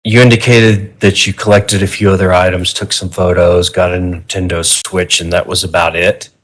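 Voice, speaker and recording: Deep-voiced man, lawyer, courtroom questioning, informal conversational phrasing. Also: flat delivery, moderate pace. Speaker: defense attorney cross-examining.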